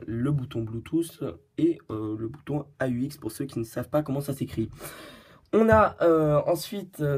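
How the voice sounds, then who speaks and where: The host of a tech review channel speaks in a darkish, medium-pitched voice during a laid-back product review. Fillers and restarts pile up as he hesitates, and he keeps laughing at his own expense.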